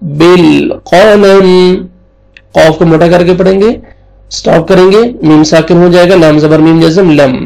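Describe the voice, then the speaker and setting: A man with a Pakistani Urdu accent teaching Quran recitation, drawing out the verses slowly between quicker spoken explanations. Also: fairly high pitch, fairly even intonation, darkish tone, poor audio. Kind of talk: recitation lesson with slow chanted verses.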